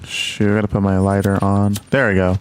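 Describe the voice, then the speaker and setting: A man's voice: fairly low pitch, completely flat delivery, brisk, smooth. A man in casual gaming voice chat, giving short replies and narrating what he does in the game. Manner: laid-back, short acknowledgements and running commentary on his moves. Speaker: gamer playing co-op.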